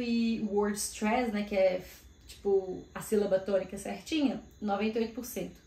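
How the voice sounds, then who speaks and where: A casual woman from Brazil, in her thirties, talks to camera as a career mentor, thinking aloud and dropping little fillers as she goes. Her voice sits at a middling pitch. The room around her is echoey. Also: a little mellow. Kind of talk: casual vlog talk to camera. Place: home room in Australia.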